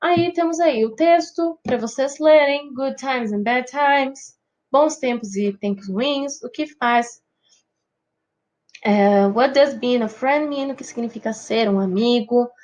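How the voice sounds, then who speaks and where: A woman's voice: sits high, slow, darkish tone. A woman teacher with a Brazilian Portuguese accent explaining English grammar patiently, often checking in with her students. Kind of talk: recorded grammar lesson.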